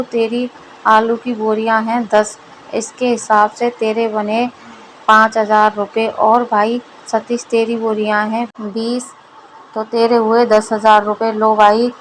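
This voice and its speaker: A woman voicing a stern rich male village moneylender who scolds and threatens in a gruff manner. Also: a little high, little pitch movement, measured pace, slight background noise, natural voice, rough recording. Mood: businesslike.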